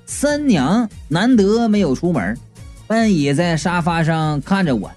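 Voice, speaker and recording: Lively woman telling a comic story. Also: on the low side, unhurried, faint music behind. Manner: animated, comic, exclamatory delivery. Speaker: audiobook reader.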